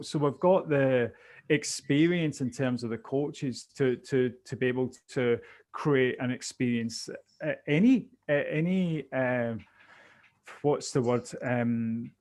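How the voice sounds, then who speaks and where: A man with a Glaswegian Scottish accent giving conversational interview answers as a business coach, often repeating words as he thinks aloud. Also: mid-range voice.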